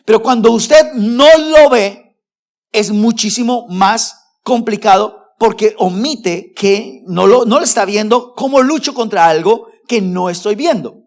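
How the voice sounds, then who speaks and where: Emphatic male pastor preaching a sermon. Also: measured pace. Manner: emphatic preaching with rhetorical questions; swings between loud stresses and low, quiet phrases.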